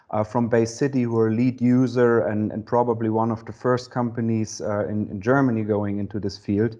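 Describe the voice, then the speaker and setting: A man's voice: mid-range voice, warm tone, muffled recording. A man, a company CEO, outlining an event program on a video call with enthusiasm, listing names with "uh" hesitations. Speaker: guest, co-founder and CEO.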